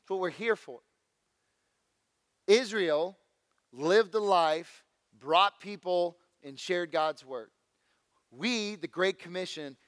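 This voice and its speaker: A man's voice: a little high, fairly bright tone, smooth, clean studio sound. A man preaching an evangelical sermon as a pastor, exhorting listeners with stern warnings, direct questions and emphatic repeated phrases. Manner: emphatic repetition in short, deliberate phrases. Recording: long hall reverb.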